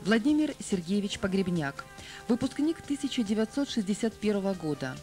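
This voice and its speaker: Young woman doing tv documentary voiceover, lively and polished, medium pitch. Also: brisk, over music. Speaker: TV presenter. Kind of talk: scripted documentary narration.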